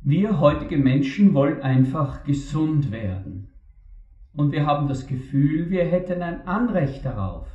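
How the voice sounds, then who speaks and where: Slow, solemn male preacher in a roomy space. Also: medium pitch, warm tone. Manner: slow, measured, solemn reading. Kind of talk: sermon with scripture reading. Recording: muffled, roomy recording.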